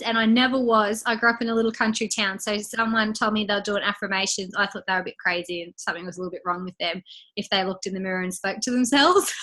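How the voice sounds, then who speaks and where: A woman's voice: fairly high pitch, bright, forceful tone. A woman leading a casual training call, chatty and upbeat, a bit congested and out of breath. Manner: chatty, upbeat, lots of fillers. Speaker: team leader hosting a training call.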